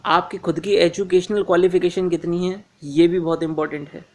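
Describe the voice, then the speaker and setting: Male presenter, high-pitched, chatty advice monologue to viewers, hesitant fillers, repeats key points. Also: flat delivery, brisk. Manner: addresses listeners as friends, frequent "uh" fillers; instructive, repeats key reminders. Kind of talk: informal advice talk to viewers.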